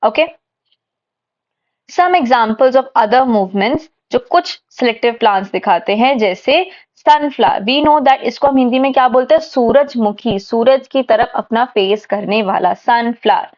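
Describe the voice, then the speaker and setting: A woman's voice: fairly high pitch, unhurried, a little mellow. A woman teaching a science lesson, explaining step by step and asking her class questions that she answers herself. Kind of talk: classroom lecture mixing Hindi and English. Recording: dull lo-fi recording.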